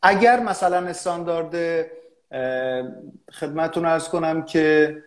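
A man answering interview questions as a business analysis expert, lecturing steadily with frequent hesitant fillers. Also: fairly high pitch. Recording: echoey room.

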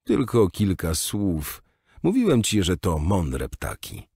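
A man's voice: deep voice, huge pitch swings, breathy edge, no echo, clean studio sound, exaggerated voice. A man as a patient old maester. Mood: gentle. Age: older. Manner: measured, explaining gently.

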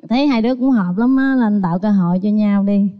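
A woman with a smooth voice speaks up eagerly and loudly, sounding distant from the mic. The sound is reverberant and dull. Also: medium pitch, fast talker. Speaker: contestant's cousin.

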